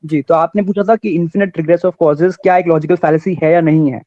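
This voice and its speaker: A man from India calls in to question a scholar, his voice arriving over a dull, lo-fi call line with a dry, close sound. He sits a little high in pitch and argues earnestly, halting and restarting as he hunts for the right words. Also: fairly even intonation, warm tone, no echo. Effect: heard over a call line. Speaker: caller.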